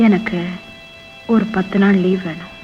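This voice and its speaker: Actress doing a low subdued troubled woman, muffled old soundtrack. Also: fairly even intonation, a little slow, faint music behind, lightly acted. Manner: subdued, brooding. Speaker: employee.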